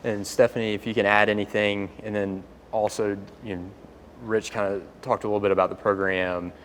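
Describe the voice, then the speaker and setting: A man's voice: lowish voice, flat delivery, fairly quick, a little hiss or hum. A young man from East Tennessee, a resident moderating a panel and guiding questions. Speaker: moderator, fifth-year resident. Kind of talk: panel discussion.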